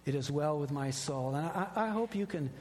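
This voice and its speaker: Middle-aged male pastor, slightly raised pitch, earnest sermon delivery, long church reverb. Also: lively intonation, normal speed, slight background noise. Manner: earnest, warm preaching with personal stories. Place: church sanctuary.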